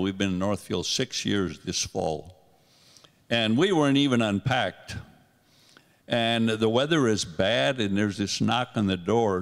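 Long hall reverb fills the sanctuary as an older man, a guest singer, holds a handheld microphone and shares his testimony with the congregation. He rambles through casual, self-deprecating stories in a creaky, mid-range voice with a fairly bright tone.

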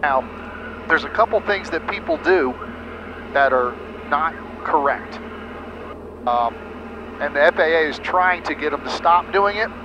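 With a slightly high voice, lively intonation and a measured pace broken by frequent pauses, a middle-aged American man explains flying step by step during hands-on instruction. He speaks over an aviation headset in a small airplane cockpit in flight, and the headset audio has engine noise and cut-off highs.

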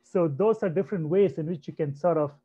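Running a career webinar over a video call from a room at home, this Indian man in his thirties has a naturally soft, slightly high voice with a breathy edge and a fairly quick pace. He keeps it conversational, says things more than once and checks in with "right?" a lot. The computer mic gives the audio a dull, lo-fi quality.

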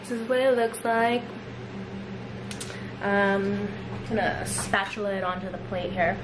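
A woman's voice: medium pitch, little pitch movement, unhurried, noisy background. A young woman chatting upbeat while she cooks in her home kitchen, talking through each step of a family recipe. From Filipino heritage family. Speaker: vlogger. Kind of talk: casual cooking vlog.

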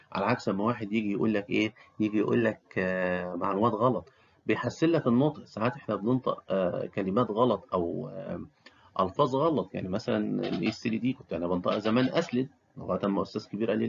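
A man's voice: lowish voice, slightly rough, highs cut off. A middle-aged man with an Egyptian Arabic accent, a doctor giving casual career advice, who repeats key phrases and uses many fillers.

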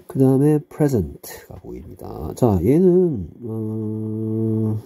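A man's voice: lowish voice, expressive, drawn-out words, creaky, dark tone. A man teaching English vocabulary to middle school students, patiently explaining and repeating each word with its meaning. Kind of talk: vocabulary lesson.

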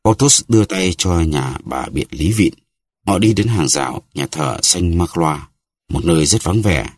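A man's voice: low-pitched, expressive, measured pace, breathy edge, no echo, clean studio sound. A man reading a novel aloud as an audiobook narrator, voicing all the characters with dramatic lifts for the women.

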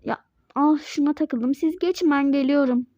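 A woman's voice: high-pitched, warm tone, no echo, muffled recording. A young female player doing casual, playful role-play chat in a mobile game. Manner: chatty, playful, quick back-and-forth. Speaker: Toca Life roleplay player voicing Mike.

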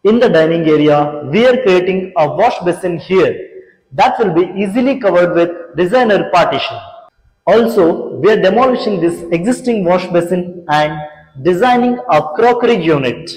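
A young man, a renovation company founder, walks through an empty apartment explaining planned changes in a measured, presenting way, on a lapel mic. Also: sits high, expressive, darkish tone. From India. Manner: measured, explanatory, pointing out features. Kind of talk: scripted walkthrough presentation. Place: large empty apartment rooms, indoors. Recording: echoey empty rooms with background music.

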